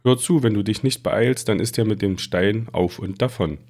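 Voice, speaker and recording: A man's voice: fairly low pitch, normal speed, a little mellow, close to an everyday voice. A man reading an anxious boy wizard. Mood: urgent. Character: boy, young wizard, anxious but brave.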